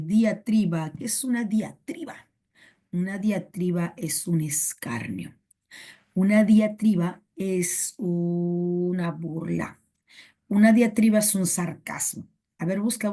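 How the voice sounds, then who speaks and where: A young adult woman with a Peruvian Spanish accent teaches a live online class in a lowish, warm voice. She's repetitive, drilling words and their synonyms over and over.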